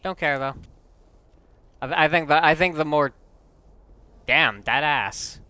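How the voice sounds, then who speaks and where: Slow, rambling male game streamer. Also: on the high side, sharp tone, clean tone, dry recording. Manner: slow, rambling, self-interrupting with restarts, swearing and laughs. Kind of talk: casual gameplay commentary.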